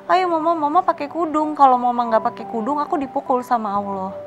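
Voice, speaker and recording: A small child's voice, high and insistent, first scolding and then begging, as a woman telling the story puts it on. Light music plays underneath. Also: fairly quick, lightly acted. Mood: pleading.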